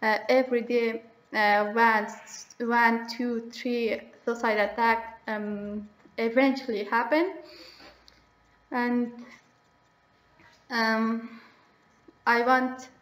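A teenage girl from Afghanistan, speaking English haltingly and pausing often to search for words. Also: a little high, fairly even intonation, fairly bright tone, echoey room, rough recording. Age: teens. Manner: hesitant, searching for words, many pauses. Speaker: young migrant speaking about herself. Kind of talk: halting personal monologue in a second language.

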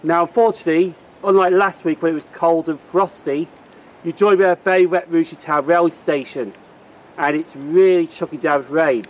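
High-pitched man vlogging outdoors. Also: fairly even intonation, moderate pace. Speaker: train vlogger and retail worker. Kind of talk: casual vlog talk to camera. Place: outdoors on a rainy railway platform. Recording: noisy outdoor camera audio. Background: outdoor station noise.

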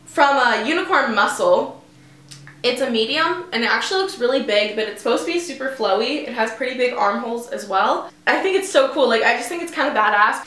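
A woman's voice: a little high, sharp tone, reverberant. A young woman in a casual haul video, chatting upbeat with lots of "like" and "um", seated in a small room and recorded by a camera at medium distance. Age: young adult. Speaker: fitness vlogger. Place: small indoor room, seated before a tapestry.

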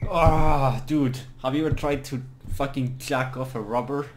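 A man's voice: mid-range voice, unhurried, a little hiss or hum. A young man joking and teasing his friends during a game, giggly and playful. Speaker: co-host gamer. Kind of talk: casual gaming banter.

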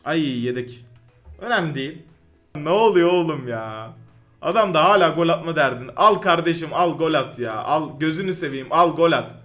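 A man giving live commentary over his own football video game match, excitable and quick to yell in frustration at the game. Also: a little high, faint music behind. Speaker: gaming YouTuber.

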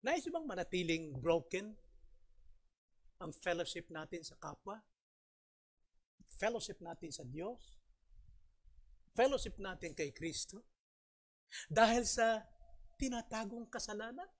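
A man's voice: high-pitched, big pitch swings, takes it slowly, pauses often. A male pastor preaching earnestly, telling a story with rhetorical questions and closing in prayer.

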